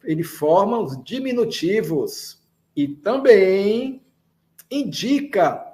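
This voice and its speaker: Brazilian guy teaching a language class, high animated voice, spells stuff out and says words twice. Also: takes it slowly. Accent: Brazilian Portuguese. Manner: spells out letters and repeats words for learners to echo. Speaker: Esperanto teacher. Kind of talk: slow, deliberate classroom explanation.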